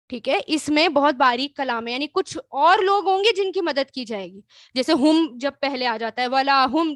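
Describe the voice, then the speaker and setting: A woman's voice: high voice, dry recording, studio quality. A woman teaching a Quran word analysis lesson, explaining patiently and checking in with rhetorical questions and tags.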